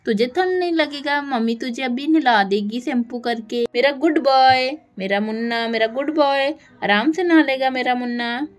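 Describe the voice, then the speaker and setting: A woman's voice: sits high, moderate pace, few pauses, lightly acted. A woman playing a busy, coaxing village mother. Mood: motherly. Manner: coaxing and motherly, fond pet names. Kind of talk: doll story voice acting.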